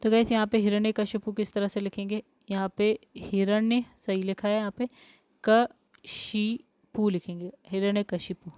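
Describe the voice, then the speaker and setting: A woman teacher leads an exam-prep spelling lesson, posing each question and then explaining the answer step by step. Her voice is smooth and resonant at a middling pitch. The recording is close and dry. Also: little pitch movement, moderate pace, few pauses, warm tone, no room sound.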